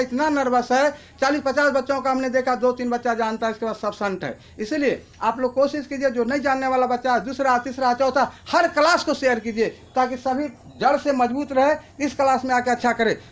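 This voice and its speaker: A male teacher giving a Sanskrit grammar lesson, slowly repeating each form for students to copy. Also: very high voice, steady tone, fairly bright tone. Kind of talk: classroom lesson.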